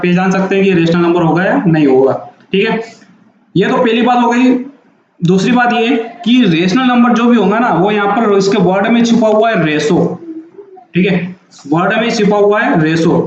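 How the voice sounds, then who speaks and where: A man with a high voice teaches a maths lesson at normal speed, explaining patiently, repeating each point and checking often. The classroom-style lecture is recorded with very echoey, dull lo-fi room sound and slight background noise.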